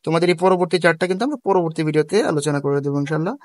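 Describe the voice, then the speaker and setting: A man with a high voice gives a tutorial lesson and asks himself questions as he goes. The close recording is dry, with no room sound. His speech is casual and mixes in English words. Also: rapid-fire, a little mellow, dry recording. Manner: explains step by step, asking and answering his own questions. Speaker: teacher.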